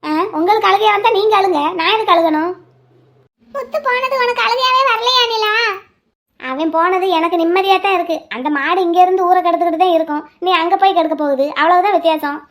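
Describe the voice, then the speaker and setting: A woman voicing a mean, sharp-tongued young woman in a cartoon, speaking in a mocking, scolding way. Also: very high voice, a little fast, voice pushed down. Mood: scornful.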